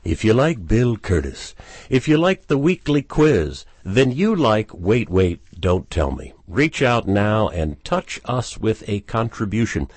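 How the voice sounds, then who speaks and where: A man with a low but very animated voice co-hosts a radio pledge drive. He is recorded dry in the studio, telling lively stories and making upbeat appeals. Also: a little slow, husky, dry recording. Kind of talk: casual pledge drive chat.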